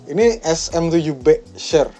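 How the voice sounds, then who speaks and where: Slangy young producer, laid-back. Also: male voice, on the high side, measured pace, music in the background. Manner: relaxed, slangy, laughs often. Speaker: music producer and studio owner. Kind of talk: casual studio-tour chat.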